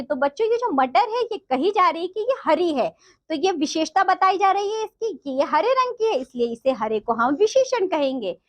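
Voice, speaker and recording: High, lively woman teaching children. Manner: explains slowly and repeats answers to children. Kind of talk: textbook lesson for children.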